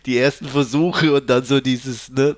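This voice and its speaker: A man's voice: medium pitch, fairly even intonation, moderate pace. A man chatting casually in a film review podcast, talking freely with many fillers and restarts. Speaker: podcast host reviewing films.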